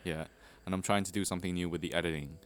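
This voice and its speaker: A man's voice: low-pitched, steady tone, rapid-fire. A man co-hosting a podcast in casual chat, teasing and rambling with restarts. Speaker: podcast co-host.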